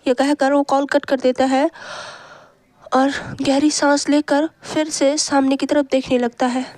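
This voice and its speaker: A woman narrating a fan fiction story in a steady, even way. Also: high-pitched, a little slow, dry recording.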